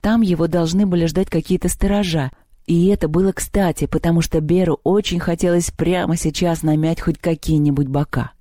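An audiobook narrator reads a story in an even, measured way. The voice is mellow and somewhat dark. It is recorded dry and close. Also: mid-range voice, no room sound. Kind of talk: scripted narration.

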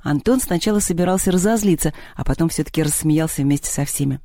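Mellow-voiced audiobook narrator. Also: mid-range voice, quick pace, dry recording, studio quality. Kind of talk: scripted narration.

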